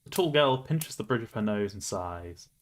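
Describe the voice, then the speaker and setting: A man's voice: lowish voice, lively intonation, normal speed, a little hiss or hum. A man streaming a game, reading the story aloud with playful, laughing asides.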